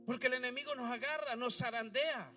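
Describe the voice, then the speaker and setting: A man's voice: very high voice, fairly quick, pushed and bright. A man preaching a sermon, firing rhetorical questions and calling on the congregation to repeat after him. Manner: preaching with rhetorical questions and call-and-response prompts. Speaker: pastor. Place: church. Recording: distant mic with faint music behind.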